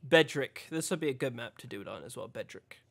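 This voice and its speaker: A man's voice: medium pitch, expressive, fast, creaky, fairly bright tone, no room sound. A man co-hosting a gaming stream in casual banter, joking around and laughing often. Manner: joking, giggly, mock foreign phrases. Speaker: gaming channel co-host.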